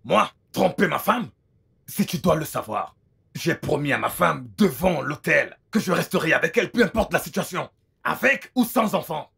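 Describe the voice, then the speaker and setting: A devoted husband, dubbed by a man in a film, earnest and protective. His voice has a gravelly edge. His pitch swings widely when he protests. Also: expressive, moderate pace, bright, forceful tone, full character voice. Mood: indignant. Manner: emphatic, indignant protests. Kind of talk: French film dub.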